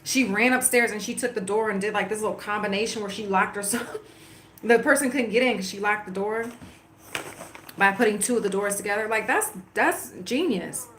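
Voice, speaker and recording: A woman's voice: mid-range voice, fairly quick, a bit bright, echoey room, a little hiss or hum. A woman in casual chat while watching a movie, rambling and filling her talk with "like" and "you know". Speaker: livestream host.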